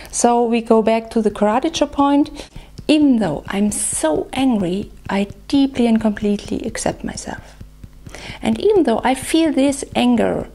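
A woman leading a guided tapping session, speaking slow, soothing phrases for the listener to repeat. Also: a little high, warm tone. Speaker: EFT practitioner.

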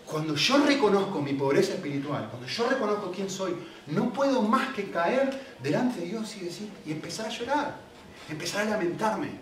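Preaching a sermon, this man speaks earnestly and emphatically, frequently checking in with his audience. His voice sits high, with lively intonation at a normal speed, picked up by a distant mic in a very echoey hall.

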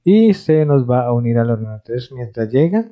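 A middle-aged man speaks through a headset microphone in a slightly dull, lo-fi recording. His pitch is average for a man, and he explains software steps in a conversational, instructive tutorial style. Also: big pitch swings, fairly quick. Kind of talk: informal screen-reader software tutorial. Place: small indoor room.

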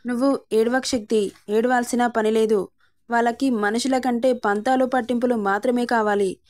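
A young husband in a spoken story, playful with his new wife and protective of her, as a woman narrator puts him on. The voice sits fairly high and mellow. It is the reader's own warm sound, barely changed. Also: steady tone, normal speed, close to an everyday voice. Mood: indignant. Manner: teasing and affectionate, turning sharp and indignant.

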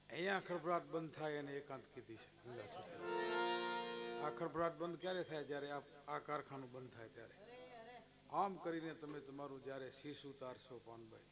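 A man giving a devotional discourse, telling stories with recited verses and quoted voices. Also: fairly high pitch. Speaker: devotional storyteller. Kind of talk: devotional discourse at a bhajan gathering.

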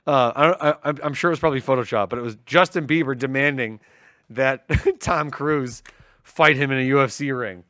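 A man's voice: medium pitch, a little fast, no room sound, studio quality. A man co-hosting a tech stream in casual banter, teasing and laughing often as he tells jokes. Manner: laughs often, teasing, animated joke-telling.

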